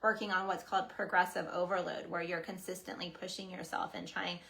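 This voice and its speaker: Friendly woman fitness coach on a casual coaching webinar. She lays out each tip step by step and tags her points with a quick check-in. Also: on the low side, flat delivery, creaky, fairly bright tone, poor audio.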